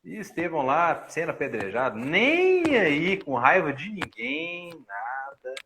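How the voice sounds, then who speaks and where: A man's voice: a little high, a little slow, a little hiss or hum. A Brazilian man giving a casual spiritist study talk, telling stories and acting out the people in them with laughs along the way. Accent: Brazilian Portuguese. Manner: animated storyteller who acts out quoted lines with laughs. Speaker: spiritist study group presenter.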